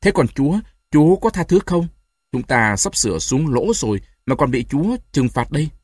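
A man voicing a stern, quick-tempered old grandfather with a hoarse voice, in an audiobook reading. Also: a little high, big pitch swings, dry recording, voice pushed up. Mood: anguished. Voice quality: hoarse, shouting. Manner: harsh, scolding, then choked and tearful.

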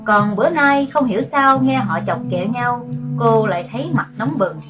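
A woman narrating a story in a calm, unhurried way with many pauses. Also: on the high side. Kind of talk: audiobook narration. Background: music.

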